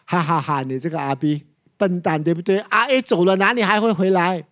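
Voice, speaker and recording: A preacher voicing a scornful king in a sermon story, loud and laughing at others. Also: mid-range voice, brisk, no echo, studio quality, natural voice. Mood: gloating. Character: scornful mocking male king.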